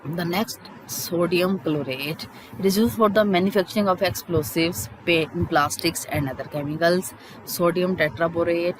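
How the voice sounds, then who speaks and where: A chemistry teacher explains textbook points in a halting way, repeating key terms as in a school lesson. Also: medium pitch, noisy background.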